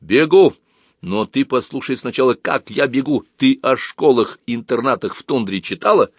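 A man's voice: mid-range voice, moderate pace, no echo, studio quality, voice pushed up, close to an everyday voice. A man reading a story aloud, voicing an earnest teenage boy who argues his plan emphatically and persuasively.

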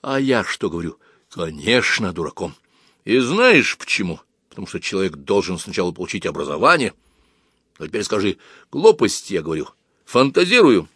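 A man's voice: deep voice, sing-song, brisk, fairly bright tone, slightly rough, no room sound, studio quality, full character voice. A man reading a story aloud, voicing an earnest teenage boy who argues his plan emphatically and persuasively.

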